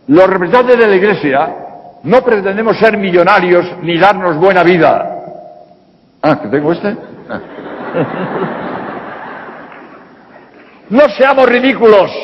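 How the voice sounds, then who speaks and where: Emphatic priest from Spain, high lively voice. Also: male voice. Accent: Spanish (Spain). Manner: emphatic, rhetorical questions, blunt. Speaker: priest answering audience questions. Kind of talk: public lecture Q&A. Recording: reverberant hall, dull lo-fi sound.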